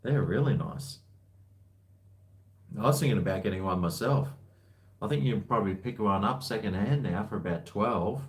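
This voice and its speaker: A livestream host chats casually and answers viewer comments, rambling in laid-back, blokey slang. His voice is fairly low, at a normal speed, with long pauses.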